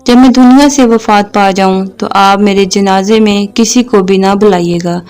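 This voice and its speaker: A woman voicing a gentle dying mother. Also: mid-range voice, fairly even intonation, clean tone, close to an everyday voice. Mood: tender, tearful. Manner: tearful, tender.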